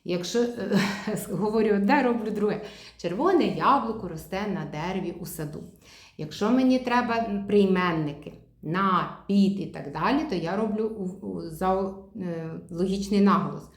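Woman speech therapist at mid pitch, chatty, drills syllables slowly; roomy, echoing sound. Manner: models syllables with slow, stretched repetition; chatty, explains while showing toys. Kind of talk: demonstration lesson. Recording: echoey room.

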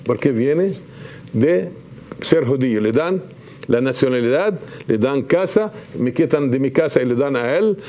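A man, speaking as an ambassador guest in a TV studio, impassioned and halting with restarts. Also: mid-range voice, lively intonation, warm tone. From Palestine. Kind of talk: TV studio interview. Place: TV news studio.

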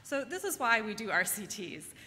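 A woman's voice: medium pitch, sing-song, normal speed, sharp tone. A woman giving a medical conference lecture in a conversational way, putting questions to her listeners. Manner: conversational, engages audience with questions. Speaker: medical researcher presenting. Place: large indoor presentation room. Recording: reverberant hall, clear background noise.

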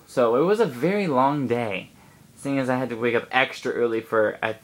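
A young woman telling a story to her phone camera in a casual vlog, animated and exasperated, swearing freely. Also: rumbling low. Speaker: vlogger.

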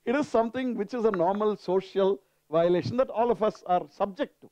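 A man's voice: high-pitched, quick pace, mellow, dry recording. A man in his sixties with a South Indian accent, lecturing interactively with personal anecdotes and often checking that listeners agree, on a handheld microphone. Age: 60s. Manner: rhetorical questions and frequent checks for agreement; switches between English and Tamil. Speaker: retired professor giving a lecture. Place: indoor seminar room. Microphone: handheld microphone held near the mouth.

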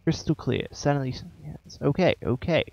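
A man's voice: fairly high pitch, normal speed, gravelly, darkish tone, dull audio. A man with an accent commentating his own horror game play, swearing and joking as he talks to the game. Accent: non-standard, says he has an accent. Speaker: gameplay commentator.

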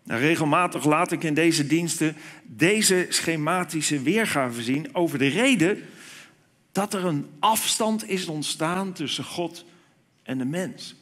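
A man preaching a sermon, speaking deliberately and lifting his voice on key words. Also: fairly high pitch, lively intonation, fairly bright tone. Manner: slow, deliberate, with emphatic rises on key words.

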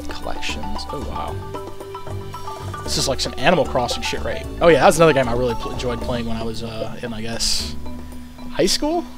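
A young man giving casual, rambling gameplay commentary, thinking aloud and swearing casually. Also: medium pitch. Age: young adult. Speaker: let's play host. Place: small room at home, indoors. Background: video game music.

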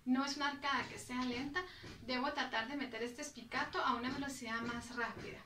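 A woman's voice: high voice, steady tone, fairly quick. A woman music teacher patiently explaining bowing technique, counting out the strokes as she goes. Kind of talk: instructional explanation. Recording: roomy, from a distance.

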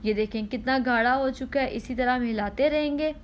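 A woman with a high-sitting voice hosts a patient, step-by-step cooking demonstration at home. She repeats instructions and fills gaps between steps with "ah," over slight background noise.

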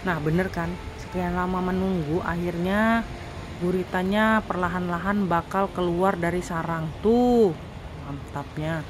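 A vlog host from Indonesia provides voice-over for her foraging video, talking to viewers as if they were friends. Her voice is fairly low and a little slow, over a noisy background with music.

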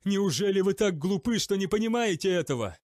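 A frightened young knight , as a male reader puts him on, pleads and protests in a strained, high voice. His lines rise sharply as he insists on his innocence. The audiobook recording sounds close and dry. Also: expressive, a little fast, a little mellow, no echo. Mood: desperate, shouting. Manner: desperate, protesting, raising his voice.

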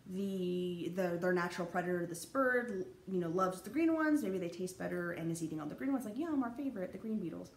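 A woman's voice: on the low side, animated, fairly quick, hardly any pauses. A young woman giving a casual, rambling college lecture over slides, full of fillers and restarts. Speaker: college anthropology instructor. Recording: echoey room, faint background noise.

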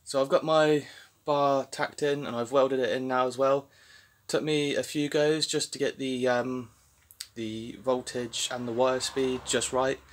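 A man's voice: mid-range voice, a little slow. A young man in his twenties casually talking through car repair work in a home garage, rambling with lots of fillers, filmed on a handheld phone. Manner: relaxed, rambling, many fillers and restarts. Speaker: car restoration vlogger. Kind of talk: casual workshop narration. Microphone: handheld phone camera.

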